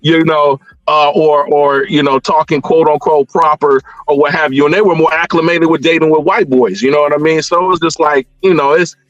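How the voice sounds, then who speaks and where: This middle-aged American call-in guest has a voice on the high side and speaks briskly with fairly even intonation and few pauses. He rambles through a casual account of personal experience, repeating words and filling gaps with "you know." His band-limited online call audio is dull, and a crowd can be heard behind him.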